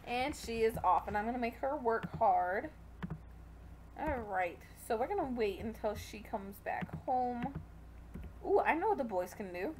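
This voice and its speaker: A woman's voice: fairly high pitch, animated, a little slow, a little hiss or hum. A young woman casually commentating her gameplay and chatting to the characters on screen as she plays. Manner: chatty, talking to the game characters. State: pregnant, hot. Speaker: gaming video creator.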